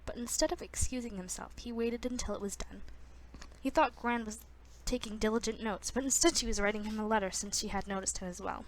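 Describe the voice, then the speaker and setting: A woman's voice: mid-range voice, fairly quick, a little hiss or hum. A woman casually reading a novel aloud, stumbling, restarting and breaking off with self-conscious asides. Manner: frequent restarts. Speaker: reader.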